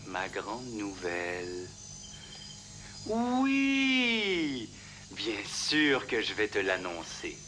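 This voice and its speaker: A man's voice: on the low side, huge pitch swings, very slow, background noise, full character voice. A man with a Quebec accent playing an impostor posing as a father on a webcam call, cold and prying, with bursts of forced cheer. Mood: sly. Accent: Quebec French. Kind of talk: web drama acting.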